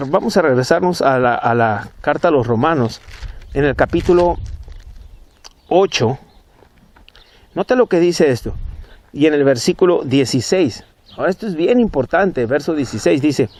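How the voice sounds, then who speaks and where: Guy preaching, bit high voice, keeps hammering the same verse, voice jumps up when he stresses stuff. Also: a little mellow. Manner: emphatic, rising on key words, repeating phrases. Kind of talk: bible teaching.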